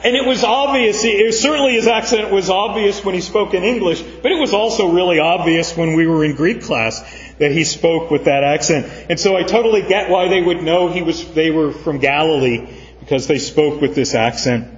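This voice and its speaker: A man preaching a sermon as pastor, earnest and measured, with frequent fillers. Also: high voice. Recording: dull sound, long church reverb.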